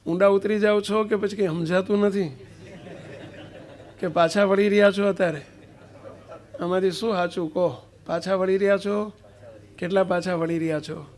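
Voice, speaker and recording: A man's voice: high voice, fairly even intonation, moderate pace, long pauses, darkish tone. A man giving a devotional sermon, questioning his listeners and stressing points with emphasis. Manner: questioning, emphatic, acts out a street seller's cries. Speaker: preacher.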